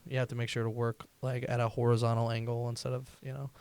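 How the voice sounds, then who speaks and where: A man hosting a comedy podcast, chatting loosely with lots of fillers and a quick laugh. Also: mid-range voice, monotone, darkish tone, a little hiss or hum. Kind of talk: casual chat.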